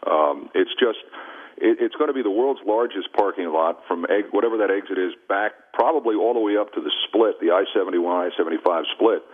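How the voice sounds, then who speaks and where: Low-pitched with a breathy edge, this American man speaks fairly quickly while calling in to a radio show by phone. His sports commentary is casual and emphatic, and he repeats things to make his case, all heard through a thin, band-limited phone line on air.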